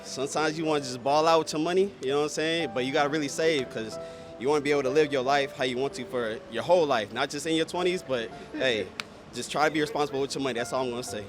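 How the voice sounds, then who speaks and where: A man's voice: mid-range voice, fast talker, music in the background. A man in his late twenties from the United States, giving slangy, laid-back advice in a street interview. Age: 20s.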